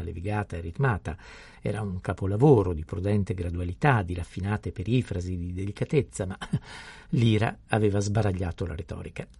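Gravelly, husky male narrator. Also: low-pitched, no room sound. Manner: measured, expressive reading. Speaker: audiobook narrator. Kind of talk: scripted literary narration.

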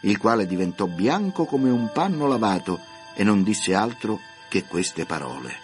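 Lively, low-voiced male storyteller. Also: normal speed. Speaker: narrator. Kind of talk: scripted narration of a children's classic. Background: soft background music.

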